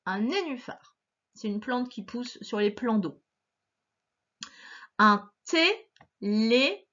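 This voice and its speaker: A woman's voice: fairly high pitch, animated, measured pace, slightly rough, muffled recording. A woman teacher giving a recorded phonics lesson to a child, patient and encouraging, stressing each sound.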